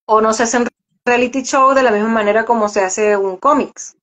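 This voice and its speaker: A woman's voice: a little high, brisk, fairly bright tone. A woman, a voice actress, talking casually in an interview, explaining at length and often repeating words as she searches for them. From Venezuela. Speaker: voice actress and journalist, guest. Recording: dull lo-fi audio.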